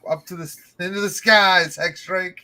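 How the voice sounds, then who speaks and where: A man with a slightly high voice plays a tabletop game. He talks casually and loosely, hesitating as he works out what his character does. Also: fairly even intonation, moderate pace, sharp tone. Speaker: player. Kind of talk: casual tabletop role-play chat.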